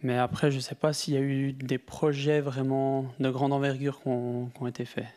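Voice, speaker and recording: A man's voice: mid-range voice, little pitch movement, normal speed, warm tone. A man giving a tentative, unscripted answer at a panel discussion.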